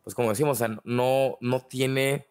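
A man hosts a casual podcast discussion. He speaks haltingly and often stalls and restarts mid-phrase. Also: mid-range voice, steady tone, a little mellow, smooth. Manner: hesitant, halting with many restarts. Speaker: podcast host.

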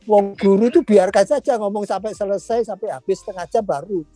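Lively storytelling older man, tinged. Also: high voice, brisk, dry recording, soft background music. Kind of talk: casual storytelling chat.

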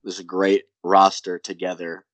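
A man's voice: low voice, unhurried, no room sound. A young man co-hosting a sports podcast, chatting casually and rambling with lots of "like" and "um". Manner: relaxed, rambling with many likes and ums. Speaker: podcast co-host. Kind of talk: casual chat.

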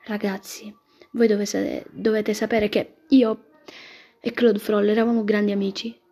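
A woman voicing a stern, disapproving older aunt who shouts her refusals, in a storybook reading. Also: mid-range voice, level tone, a little slow. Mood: confessing.

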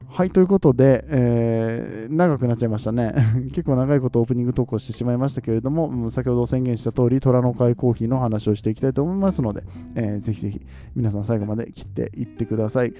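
Man, podcast host, very dark mellow tone, easygoing chat, chuckles, faint music behind. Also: mid-range voice, fast talker, few pauses. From Nagoya, Japan. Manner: relaxed, chatty, often chuckles, asks listeners questions. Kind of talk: casual solo chat.

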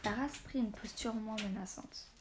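A woman narrating a story in a calm, measured reading voice. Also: a little high, background noise.

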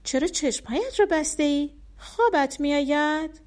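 A woman voicing a grieving aunt who speaks with bitterness to adults and softly to a small boy. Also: high voice, animated, voice pushed up. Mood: gentle. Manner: indignant complaint, then soft questions.

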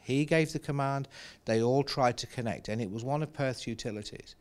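A man's voice: medium pitch, normal speed, darkish tone. A man, a cybersecurity expert explaining attacks on a panel with dry humor. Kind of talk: panel discussion.

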